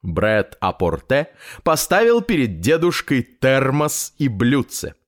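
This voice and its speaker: A man narrating a children's audiobook in an expressive, unhurried storytelling manner. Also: medium pitch.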